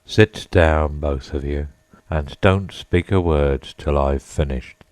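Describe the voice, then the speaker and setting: A man's voice: rumbling low, a little mellow, dry recording. A man doing the mournful Mock Turtle. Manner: slow, mournful, sobbing. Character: sorrowful sighing male Mock Turtle, deep hollow voice.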